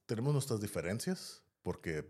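A podcast host with a Mexican accent tells a story in casual chat, his lowish, darkish voice moving in a sing-song way at a normal speed. He rambles along and keeps tagging his sentences with "¿no?" and "así."

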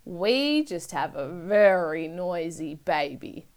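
A woman voicing a clever, bossy big sister in a storybook, high and commanding. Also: big pitch swings, slow pace. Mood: calm.

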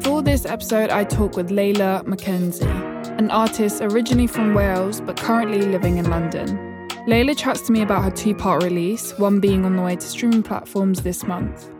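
A woman's voice: medium pitch, normal speed, over music. A woman hosting an interview podcast, speaking as the presenter in an informal, conversational register. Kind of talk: scripted introduction and casual interview.

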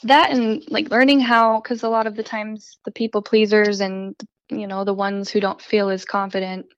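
A woman guest in a podcast interview, telling her stories in an animated way and acting out other people's lines. Her voice is medium in pitch. The audio is dry and a bit muffled. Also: normal speed, no echo. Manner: animated storytelling, acts out quotes. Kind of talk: casual interview chat.

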